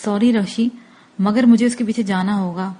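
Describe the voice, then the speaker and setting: Woman reading a fed-up young guy pleading and arguing, soft dark tone. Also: mid-range voice, fairly even intonation, close to an everyday voice. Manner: pleading, irritated. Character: exasperated young man, a university student.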